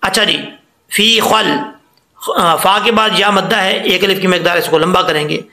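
Guy teaching tajweed, high gravelly voice, stretches out example words slowly, echoey room. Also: pushed and bright. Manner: patient, explains letter by letter, drawn-out demonstration words. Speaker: Quran recitation teacher. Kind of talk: tajweed lesson.

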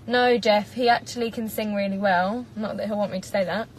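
A woman's voice: medium pitch, fairly even intonation, brisk, a little hiss or hum, rough recording. Bubbly English woman chatting in a car. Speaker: singer doing a live stream. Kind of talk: casual live-stream chat reading comments. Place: parked car. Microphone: phone propped up in front.

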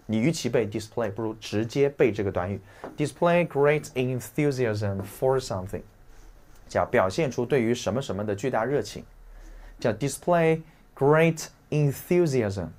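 A man with a somewhat low voice gives an English vocabulary lecture. He talks in a loose, chatty way and drops filler particles at the ends of sentences. He slows down whenever he reads English terms and phrases aloud. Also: a little mellow. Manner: explains in a chatty way, with frequent trailing "啊" and "对吧".

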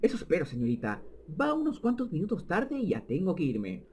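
A man's voice: sits high, huge pitch swings, brisk, darkish tone, husky, full character voice. A man reading the lines of a stern, formal middle-aged father in a video game.

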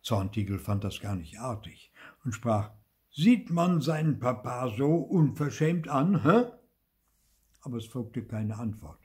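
Older man reading a storybook slowly. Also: on the low side. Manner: expressive, lively read-aloud.

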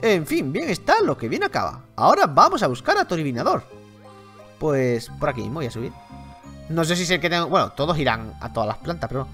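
A man with a Spain Spanish accent commenting on his video game playthrough, excitable, with loud exclamations and slang. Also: fairly high pitch, a little fast, faint music behind. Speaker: gaming youtuber.

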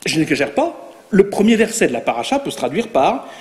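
Guy giving a sermon, kinda high voice, wry and lively, big hall echo. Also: a little fast. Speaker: preacher. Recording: long reverb in a large hall.

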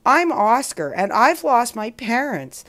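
A woman voicing a frightened little boy lost and alone, crying out in high, pleading tones. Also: big pitch swings, slow pace, a bit bright, full character voice. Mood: earnest.

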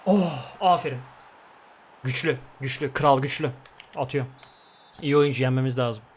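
A young man streaming a football video game, commenting live, swinging from grumbling to excited shouting. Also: mid-range voice, normal speed, slight background noise. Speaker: gaming streamer.

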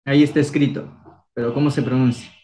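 A man's voice: mid-range voice, fairly even intonation, quick pace, mellow. A young man from Ecuador teaching a language class, coaxing students with encouraging quiz questions. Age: young adult. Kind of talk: online class, quizzing students.

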